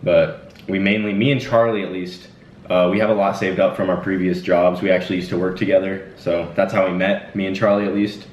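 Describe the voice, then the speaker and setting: A man's voice: low-pitched, little pitch movement, a little fast, a little hiss or hum. A twenty-year-old man hosting a casual Q&A at home, talking in a laid-back, rambling way with lots of fillers. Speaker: channel host. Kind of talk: casual Q&A chat. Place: indoors at home. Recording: echoey room, distant dull mic.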